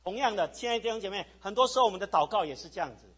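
A male pastor preaching a lively sermon to his congregation, asking them questions as he goes. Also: high voice, rapid-fire, husky, highs cut off. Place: church sanctuary.

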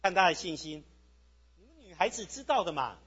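A male pastor preaching a lively sermon to his congregation, asking them questions as he goes. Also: sits high, a little fast, husky, highs cut off. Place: church sanctuary.

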